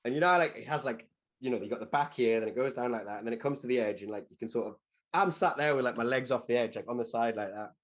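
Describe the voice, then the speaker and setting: A man's voice: mid-range voice, fast. A young man with a Geordie accent, telling stories as a podcast guest in a rambling, casual way full of "like". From Newcastle, northeast England. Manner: rambling, heavy use of "like", animated storyteller. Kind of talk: casual storytelling chat.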